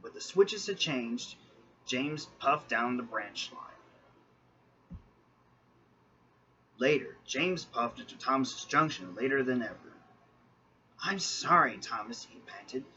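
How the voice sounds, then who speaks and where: A male storyteller reading a children's train tale at an unhurried pace with a lively, bright voice. The sound is dull and lo-fi, with a faint hiss underneath. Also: mid-range voice. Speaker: narrator. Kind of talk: storybook narration.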